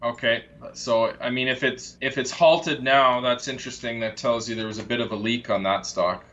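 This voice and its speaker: A man on a live investing show, calmly explaining trading ideas step by step with frequent fillers. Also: medium pitch, normal speed, highs cut off, a little hiss or hum. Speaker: market commentator. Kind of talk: casual explanatory chat.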